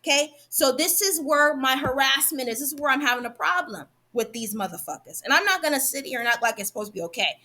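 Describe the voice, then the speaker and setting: A young woman venting heatedly to the camera, swearing often and rushing through run-on sentences with frequent restarts. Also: high-pitched, animated, sharp tone. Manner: heated and profane, rapid run-on talk with restarts. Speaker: vlogger. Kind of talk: angry venting monologue.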